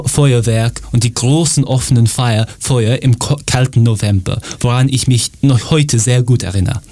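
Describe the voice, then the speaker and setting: Casting note: man, presenter who stumbles over words and restarts them, with filler pauses. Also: medium pitch, darkish tone. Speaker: student presenter. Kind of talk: read-aloud presentation.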